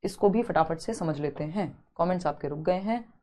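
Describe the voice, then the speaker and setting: Speaking at a normal pace in a slightly mellow, lowish voice, a woman walks her live online class through exam prep one step at a time. English terms slip into her explanation, and she reads out comments from viewers.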